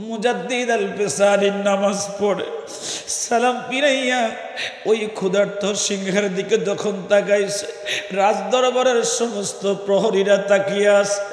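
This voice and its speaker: High chanting preacher. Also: male voice, a little slow. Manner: sing-song chanting, climbing to shouts at the crowd. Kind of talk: chanted Islamic waz sermon. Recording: echoey hall with long reverb.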